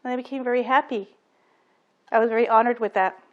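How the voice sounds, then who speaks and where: A woman shares a personal testimony, earnest and halting as she tells her memories. Her voice sits a little high. The sound is dull and lo-fi. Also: fairly even intonation. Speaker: speaker remembering her late father.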